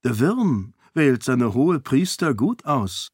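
A man voicing a clever young princess who speaks in a hushed, wry way. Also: mid-range voice, very animated, takes it slowly, husky, no echo, studio quality, full character voice. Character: clever young princess, sharp-witted and sly.

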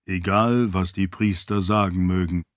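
A man reading an audiobook, voicing a loyal floating spirit servant who speaks in a measured, deferential way. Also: sits low, steady tone, no echo, studio quality, voice pushed down. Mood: calm. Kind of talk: audiobook character voice.

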